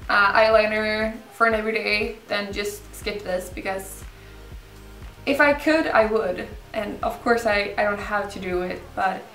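A young woman casually talking through a makeup tutorial in an informal, unhurried way. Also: mid-range voice, steady tone, a bit bright. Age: young adult. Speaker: beauty vlogger. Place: indoor room set up for filming, backdrop. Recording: roomy, slightly distant mic, music behind.

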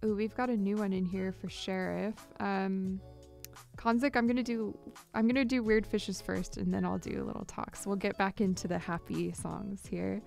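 A young woman chats casually with viewers on her live music stream, speaking close to a large boom-mounted studio mic in a small home studio while wearing headphones. Her medium-pitched voice is gravelly and somewhat dark, with a steady tone and moderate pace. She's chatty and upbeat, squealing greetings at her viewers.

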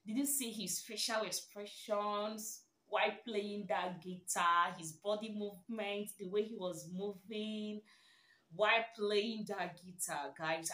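A young woman reacts casually to camera in delighted amazement. Her delivery is unhurried and gushing, at an average pitch for a woman. The small room adds a clear echo around her voice. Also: fairly bright tone. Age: young adult. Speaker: host of a music reaction video. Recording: echoey room.

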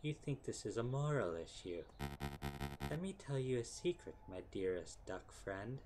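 A man voicing a scheming, godless wolfish friar in a game, in a measured, conspiratorial, menacing manner. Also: mid-range voice, animated, over music, close to an everyday voice. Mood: cold, menacing. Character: scheming, godless wolfish friar, coldly persuasive male villain. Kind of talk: reading visual novel game dialogue in character.

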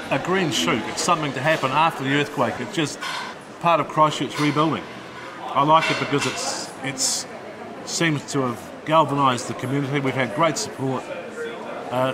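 A man's voice: mid-range voice, heavy background noise. An older man, founder of a brewery, telling its story earnestly in a documentary interview in a busy brew bar.

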